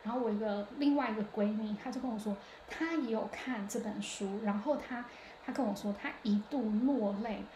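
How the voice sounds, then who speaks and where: A woman hosts a solo podcast in a relaxed, chatty monologue. Her voice sits a little on the high side, and she thinks aloud with frequent hesitations and restarts. The recording carries a noticeable room echo. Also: brisk, slight background noise. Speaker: podcast host. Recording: echoey room.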